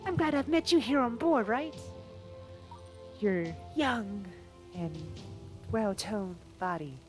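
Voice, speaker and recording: Creepy farm lady, done by a man in a raised voice. Lively, singsong, over game music. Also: high-pitched, slow, pitched above the performer's own voice. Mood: sweetly sinister. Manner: sweet, then sinister asides. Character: creepy cheerful farm woman hiding murderous hunger. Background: background music.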